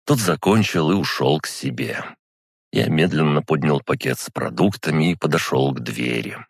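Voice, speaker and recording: A man narrating a first-person audiobook in a measured, dry storytelling manner. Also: a bass voice, gravelly, breathy edge, dry recording.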